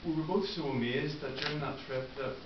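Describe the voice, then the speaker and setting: A man in his twenties from Northern Ireland, speaking with a Northern Irish accent, gives his first speech as a club member in a meeting room, earnest and prepared but full of ums and uhs. His mid-range voice is fairly even in intonation and a little fast. The recording sounds roomy, distant and muffled, with hiss.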